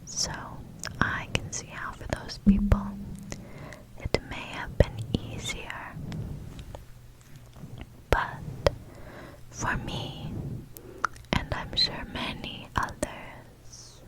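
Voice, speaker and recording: Very slow whispered pep talk from a woman. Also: rough recording. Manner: soothing, reassuring, repeats words gently. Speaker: ASMR host. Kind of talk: whispered ASMR pep talk with positive affirmations.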